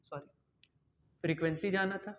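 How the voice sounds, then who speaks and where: A man giving an online science lesson, repeating his own questions and answering them, sometimes dropping quiet or going loud to demonstrate a point. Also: high voice, fairly even intonation, normal speed, echoey room, lo-fi sound. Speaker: science teacher.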